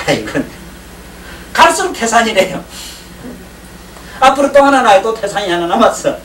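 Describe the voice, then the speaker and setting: A man's voice: high voice, animated, normal speed, a bit bright, distant mic. A man lectures on Chinese classics to a class, rambling from point to point, cracking jokes and checking that his listeners follow. It sounds like an old 1990s lecture tape. The room is echoey, the mic sits well away from him, and a faint hiss runs underneath.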